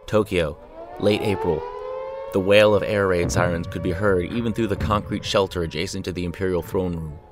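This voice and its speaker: A man's voice: deep voice, steady tone, moderate pace, music in the background. A man narrating war history from a script, dramatic with an irreverent edge. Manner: dramatic yet irreverent storytelling.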